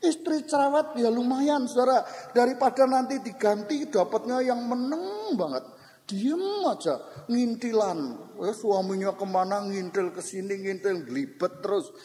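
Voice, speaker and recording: An older Javanese-accented preacher with a high but dark, mellow voice delivers a lively sermon, addressing his congregation directly. His voice rings with a long echo through a church hall. The recording comes from an old cassette tape. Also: measured pace. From Central Java, Indonesia. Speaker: pastor.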